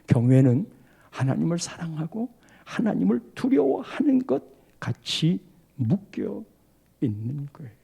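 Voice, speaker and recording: Gravelly, animated preacher, hushed to shouting. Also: male voice, on the high side, unhurried. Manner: dramatic, swings from hushed to shouting, acts out quoted voices. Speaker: pastor. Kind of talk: sermon.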